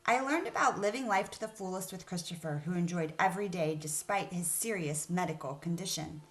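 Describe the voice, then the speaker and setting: A woman with a lowish voice talks fairly quickly as an elementary school teacher, reading aloud and explaining a lesson to young children. She speaks to them directly and asks them questions.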